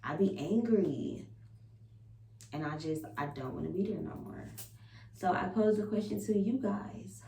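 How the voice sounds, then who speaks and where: A female vlogger speaks candidly and emphatically to viewers in a casual, confessional chat, swearing plenty and repeating affirmations. Her mid-range voice is gravelly and mellow at normal speed. The audio has roomy echo, a faint hum and a distant mic.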